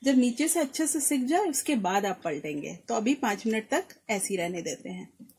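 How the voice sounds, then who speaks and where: A home cook presenting her recipe channel voices a step-by-step cooking tutorial, mixing in English words. Her voice is fairly high, animated and darkish, at a moderate pace, over clear kitchen noise of sizzling food and stirring.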